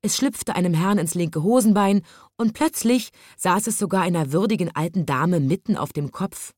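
A woman reading a children's story aloud in a calm, expressive storytelling manner, close to the microphone. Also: on the low side, normal speed, no echo.

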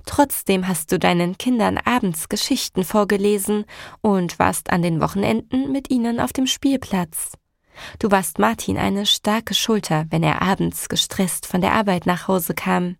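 A woman voicing a gentle, harmony-loving female inner voice that speaks in a soothing, reassuring way. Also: mid-range voice, measured pace, vocal fry, no room sound, studio quality.

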